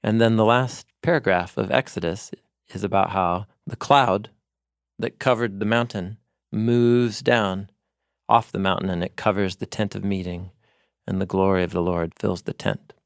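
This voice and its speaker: Low-voiced man explaining in a dry studio. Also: fairly even intonation, normal speed, clear, resonant tone, dry recording. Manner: thoughtful, explains with paraphrased dialogue. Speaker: podcast co-host, teacher. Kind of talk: casual theological discussion.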